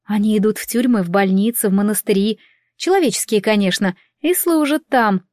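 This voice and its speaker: A woman voicing a sharp-tongued former elf woman who mocks and gloats. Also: mid-range voice, brisk, no room sound, studio quality, lightly acted. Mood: explaining. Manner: mocking, gloating.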